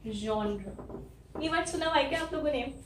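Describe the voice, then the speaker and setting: A woman teacher giving a spoken language lesson, explaining slowly and spelling out each sound step by step. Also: high-pitched, level tone, a little hiss or hum. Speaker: English teacher. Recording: echoey room, from some distance.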